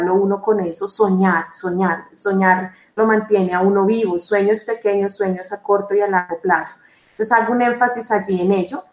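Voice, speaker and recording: A woman's voice: medium pitch, roomy sound, rough recording. A woman, a religious sister answering interview questions in an earnest, reflective way with frequent fillers. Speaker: religious sister, vocation coordinator.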